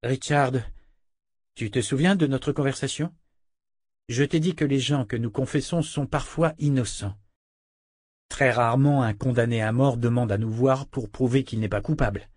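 A man's voice: mid-range voice, moderate pace, darkish tone, dry recording, clean studio sound, natural voice. A man voicing a stern, commanding female inquisitor in a raised, scolding voice, in an audiobook.

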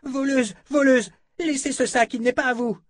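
A man's voice: very high voice, fairly even intonation, moderate pace, no echo, voice pushed up. A man voicing a distrustful, loyal teenage boy in an audiobook, with a suspicious, questioning manner. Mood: indignant. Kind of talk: audiobook character voice.

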